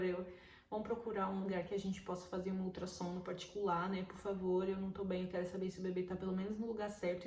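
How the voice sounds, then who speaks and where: A young Brazilian vlogger with a Brazilian Portuguese accent and a mid-range voice tells a personal story to camera. She's casual and emotional, repeating words for emphasis, and the distant mic picks up a roomy echo.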